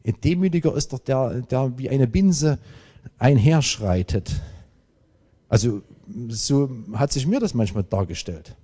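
A man preaching a sermon, emphatic and lively, with dramatic pauses. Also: mid-range voice. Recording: long hall reverb.

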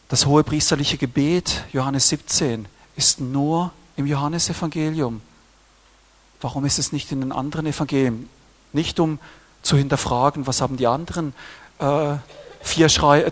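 A man preaching a sermon on scripture, emphatic, with frequent swells in volume and repeated words. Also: mid-range voice.

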